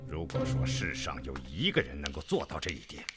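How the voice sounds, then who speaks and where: Deep scheming prince, hushed and careful, lively pitch, costume drama score. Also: male voice, fairly quick, full character voice. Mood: guarded. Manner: low, guarded, warning. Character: cautious scheming male prince in hiding. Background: music score.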